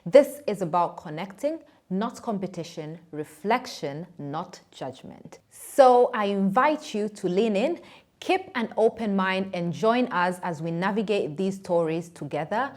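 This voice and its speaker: A woman hosting a podcast and moderating a panel discussion, speaking in a measured, deliberate way. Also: medium pitch, lively intonation, darkish tone.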